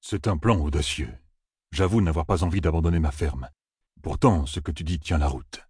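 A man reading an audiobook, voicing a cautious, doubtful farmer who speaks in a subdued, hesitant and husky way. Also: a bass voice, moderate pace, darkish tone, dry recording, clean studio sound, heavily acted.

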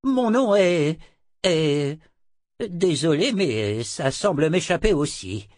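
Bloke playing a cranky old geezer who lost his memory, snippy and sarcastic, pitched up a bit. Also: sing-song, slow, darkish tone, no room sound, studio quality. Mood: testy. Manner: testy, sarcastic. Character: prickly amnesiac old man, sharp-tongued. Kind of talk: audiobook character voice.

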